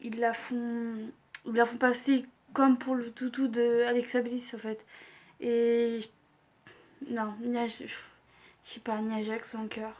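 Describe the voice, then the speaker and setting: A woman's voice: fairly high pitch, level tone, takes it slowly, a little mellow. A young woman making a casual wrestling predictions vlog, hesitant and full of fillers, laughing at herself. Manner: hesitant, many fillers, self-deprecating. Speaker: vlogger.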